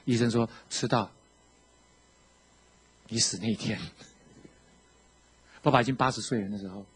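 A man with a Taiwanese Mandarin accent giving a sermon testimony, telling his story with animation and acting out the quotes, shifting between hushed and loud. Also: on the low side, moderate pace, breathy edge. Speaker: preacher sharing his testimony.

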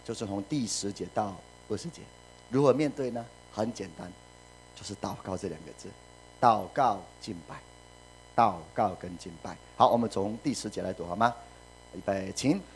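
Animated male pastor preaching. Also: on the low side, moderate pace, slight background noise. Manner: animated, mimics voices, laughs, drops to a hush. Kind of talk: sermon.

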